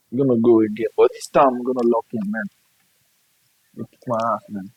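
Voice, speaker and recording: A man's voice: medium pitch, steady tone, measured pace, slightly rough, no room sound. A young Nigerian man with a Nigerian accent, a gaming streamer in casual chat, blunt, profane and repeating his points. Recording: dull lo-fi dry sound.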